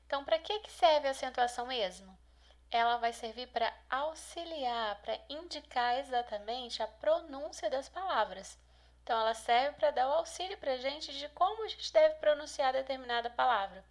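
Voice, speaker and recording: A woman teacher giving a lesson, explaining patiently with many examples and slowly stressing the key syllables. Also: high-pitched, expressive. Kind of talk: classroom lesson.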